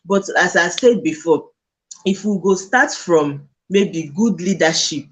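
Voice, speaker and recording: A man with a Nigerian accent and a husky voice, chatting casually in Nigerian Pidgin, telling examples in an animated way. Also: high voice, measured pace.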